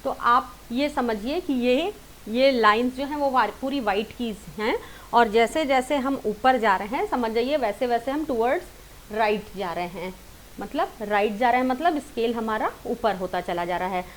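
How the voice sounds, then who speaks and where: A singing teacher whose voice is a little high speaks a touch slowly during an informal lesson. Her explanation goes step by step, circling back to rephrase points and dropping in English words. The recording has obvious hiss and noise in the background.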